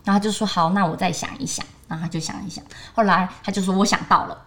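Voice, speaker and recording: A woman's voice: lowish voice, steady tone, very fast, vocal fry, a bit bright. A young woman in her twenties with a Taiwanese Mandarin accent, co-hosting a casual podcast and telling a story animatedly, acting out what others said. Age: 20s. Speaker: podcast co-host.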